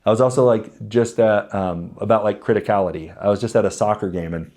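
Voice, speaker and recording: This raspy-voiced man in his thirties speaks lowish and brisk, with a darkish tone. He answers interview questions candidly, reflecting conversationally and sharing personal stories.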